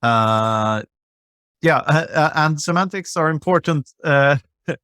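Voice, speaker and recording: A man hosting a podcast, chatty and quick to laugh, with many fillers and restarts. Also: a little high, lively intonation, a bit bright, clear, resonant tone, dry recording, studio quality. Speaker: podcast host. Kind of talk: casual chat.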